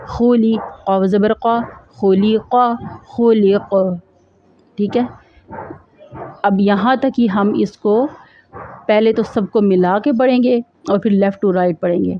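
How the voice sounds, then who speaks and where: A woman with a Pakistani Urdu accent teaching Quran reading, spelling out syllables slowly and drilling them. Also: mid-range voice. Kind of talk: spelling out and recitation drill lesson. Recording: dull, dry close recording.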